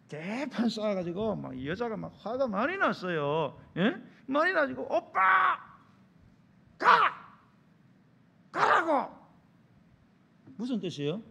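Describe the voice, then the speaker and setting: 생동감 있게 설교하는 남자 목사. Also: male voice, high voice, very animated, moderate pace, creaky, a bit bright, breathy edge. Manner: acts out dialogues in character voices; asks the congregation rhetorical questions. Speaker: pastor. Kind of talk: sermon. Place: church sanctuary.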